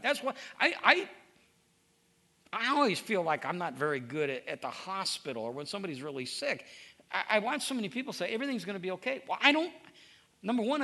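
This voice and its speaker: A man's voice: high voice, vocal fry, bright, forceful tone. A middle-aged male pastor preaching in a conversational way, telling stories and acting out quoted dialogue, with frequent restarts. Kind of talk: conversational sermon.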